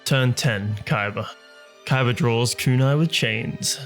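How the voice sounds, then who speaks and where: A man giving plain, even scripted narration of a story over faint music. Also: mid-range voice, takes it slowly. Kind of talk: scripted narration of fan fiction.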